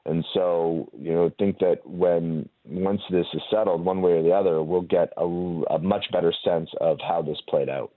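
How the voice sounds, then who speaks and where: A man giving measured, hesitant answers as a radio guest over a narrow phone line. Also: deep voice, steady tone, no echo. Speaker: baseball columnist, radio guest. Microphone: telephone.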